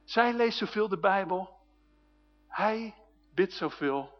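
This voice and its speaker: Brief: male preacher, conversational storytelling sermon, high voice, dull lo-fi church sound. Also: lively intonation, takes it slowly. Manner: personal, conversational retelling. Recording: dull sound with long hall reverb.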